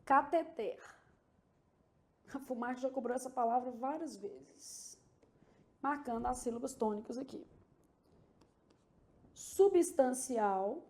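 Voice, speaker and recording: A woman's voice: a little high, moderate pace, a little mellow. A woman with a Brazilian Portuguese accent teaching an exam-prep Portuguese lesson, explaining step by step and checking in with "tá?" and "né?".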